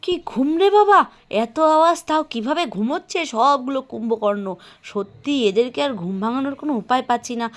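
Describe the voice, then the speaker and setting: A woman voicing a mischievous young woman in a doll cartoon story, teasing and lively. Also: sits high, moderate pace. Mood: impatient.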